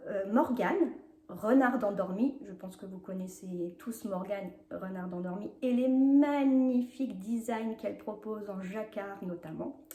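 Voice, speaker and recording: A woman hosting a knitting vlog, chatting in a hesitant, filler-heavy way as she shows her projects, sometimes rushing and apologizing for talking fast. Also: fairly high pitch, mellow. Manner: chatty, hesitant with many fillers, laughs often. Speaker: knitting podcast host. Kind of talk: casual knitting vlog chat. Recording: echoey home room.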